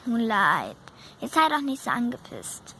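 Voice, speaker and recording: A woman's voice: a little high, huge pitch swings, a little slow, pushed and bright, slight background noise, heavily acted. Woman voicing a patient coaxing horse. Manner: coaxing, reassuring.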